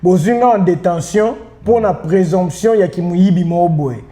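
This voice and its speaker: A man's voice: high-pitched, normal speed, mellow. A man with a Congolese French accent hosting a casual discussion, switching between French and Lingala as he leads each point. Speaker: podcast host.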